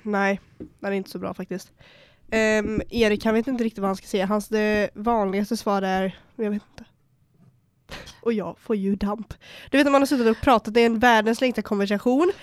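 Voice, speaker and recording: Her voice is mid-range and clean, with fairly even intonation and no echo. She's a young podcast co-host in casual conversation who talks constantly, curses often, and stages arguments that swell into abrupt outbursts.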